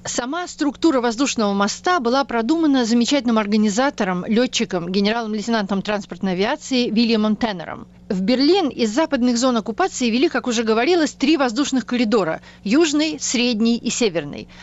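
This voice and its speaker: Woman hosting a radio history program. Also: fairly high pitch. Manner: measured, even reading. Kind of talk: scripted documentary narration. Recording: slightly muffled radio broadcast.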